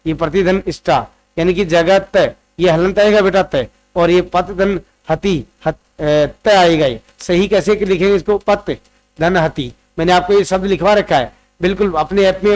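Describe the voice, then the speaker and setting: A man with a high-pitched voice leads an exam-prep Hindi grammar class. He works through answer options one by one, repeating forms and checking that students follow. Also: a little mellow. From Rajasthan, India. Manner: repeats answers, drills word forms aloud; addresses students directly, quizzing them.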